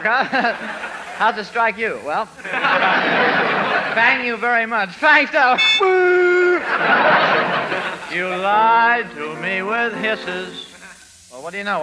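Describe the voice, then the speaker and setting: A man's voice: high voice, low-quality recording. A man doing a giggling muddled old-radio professor. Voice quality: giggling, garbles song lyrics into spoonerisms. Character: bumbling male professor comedian, giggly and muddled. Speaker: comic singer playing a professor. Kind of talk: 1940s radio comedy routine. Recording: old radio broadcast with loud band music.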